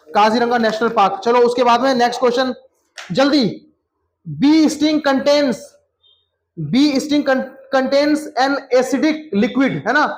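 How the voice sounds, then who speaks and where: A man teaching a classroom lesson, repeating answers over and over and quizzing students by name. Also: extremely high pitch. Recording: echoey classroom.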